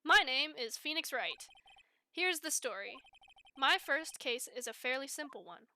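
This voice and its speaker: A woman's voice: high voice, animated, unhurried, bright, forceful tone, a little hiss or hum, full character voice. A woman voicing a nervous young male defense lawyer in a game playthrough, stammering and hesitant. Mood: narrating.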